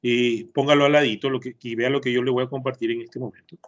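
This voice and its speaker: A man's voice: medium pitch, steady tone, quick pace. A man with an Ecuadorian Spanish accent teaching an online English class to children, patiently repeating words to drill their pronunciation. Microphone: computer mic on a video call. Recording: muffled lo-fi video-call audio.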